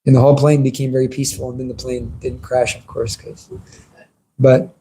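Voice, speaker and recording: A man's voice: mid-range voice, little pitch movement, fairly quick, mellow, a little hiss or hum, rough recording. A man giving an informal devotional sermon as a religious teacher, conversational and earnest in his delivery.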